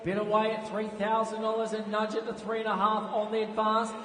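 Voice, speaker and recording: A man's voice: high-pitched, monotone, fairly quick, fairly bright tone. A man calling a live auction as auctioneer, repeating prices in a chanting patter. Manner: chanting, repetitive bid patter. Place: large indoor auction room. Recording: very echoey hall, noisy room ambience.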